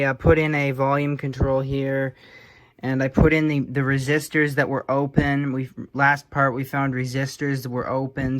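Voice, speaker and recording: A hobbyist restorer presents his own repair video, giving offhand, unscripted commentary and thinking aloud as he works with his hands. His voice is medium-pitched and a bit bright.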